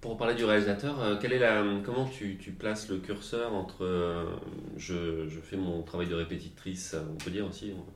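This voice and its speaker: A man's voice: sits low, fairly even intonation, moderate pace, few pauses. A man interviewing a guest, asking long, rambling questions full of fillers. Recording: roomy echoey sound.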